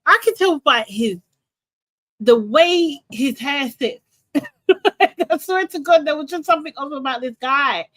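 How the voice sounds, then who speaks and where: A woman in a casual recap chat, animated and exasperated, breaking into laughs. Her voice sits fairly high and sounds dry and close, with no room around it. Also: unhurried, dry recording.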